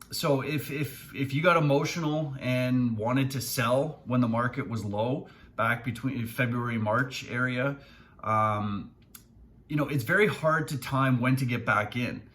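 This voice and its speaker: A man who works as a financial advisor, talking casually to camera with frequent ums and plain, steady explanations. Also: medium pitch, measured pace. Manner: relaxed, many fillers, plainspoken. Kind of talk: casual video commentary.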